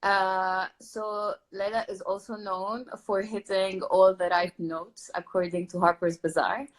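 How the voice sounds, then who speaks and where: A woman's voice: medium pitch, level tone, measured pace, rough recording. A woman hosts an online talk series and introduces her guest over a video call. Her delivery is enthusiastic and eager, and she uses "literally" and "uh" often. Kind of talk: interview host chat.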